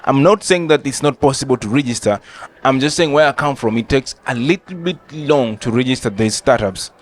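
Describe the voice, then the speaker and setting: A man's voice: mid-range voice, brisk. A man from Kenya hosting a panel interview, encouraging his guests with frequent short affirmations. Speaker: host, panel moderator. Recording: faint ambient background noise.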